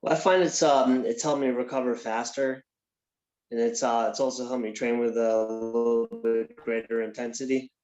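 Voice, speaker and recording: A man in his thirties answers panel questions over a video call, filling gaps with um and uh. His voice is monotone and mid-pitched. The call audio is muffled and lo-fi. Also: normal speed, faint music behind. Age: 30s. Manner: hesitant, lots of fillers. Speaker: panel guest, athlete.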